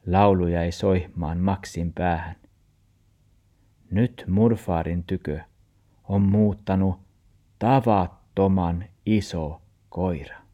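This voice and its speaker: A man with a Tornedalian Meänkieli accent, narrating a children's storybook in a measured, expressive way. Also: low-pitched, dull audio. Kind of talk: storybook reading.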